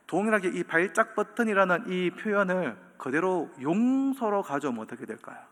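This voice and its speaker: Lively pastor preaching in a hall. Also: male voice, high-pitched. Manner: animated storytelling with acted quotes and chuckles. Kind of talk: sermon. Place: church sanctuary. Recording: long church hall reverb.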